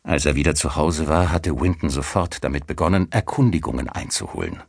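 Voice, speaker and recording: A man's voice: rumbling low, animated, brisk, vocal fry, breathy edge, no room sound. A man reading a mystery audiobook with dramatic, suspenseful storytelling into a studio mic. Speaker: audiobook narrator. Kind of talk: scripted narration.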